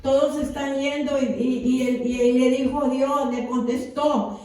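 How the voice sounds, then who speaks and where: A woman's voice: high-pitched, level tone, normal speed, warm tone. A woman pastor preaching a sermon with fervor, often adding amens. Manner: fervent preaching with repeated amens. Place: church. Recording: echoey church hall, voice from far off.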